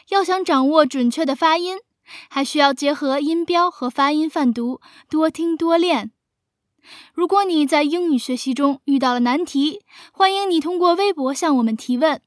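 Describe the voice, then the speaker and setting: A woman host giving a scripted radio lesson, explaining clearly and slowing down for examples. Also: high voice, no echo, studio quality. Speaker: English teacher and host.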